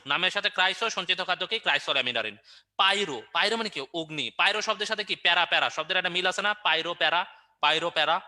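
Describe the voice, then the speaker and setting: A man runs an online review class, firing quick questions at his students and answering them himself with jokey memory tricks. His voice sits fairly high and sounds very bright and sharp. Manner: playful and joking. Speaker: online biology teacher.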